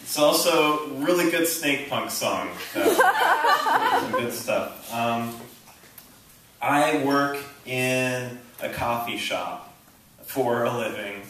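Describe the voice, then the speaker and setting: A young man doing a halting, rambling stand-up set, full of ums and self-interruptions, on a small theater stage. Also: medium pitch, wildly swooping pitch, noisy background. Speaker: stand-up comedian. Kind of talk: open-mic stand-up set. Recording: echoey room recording from a distant camera.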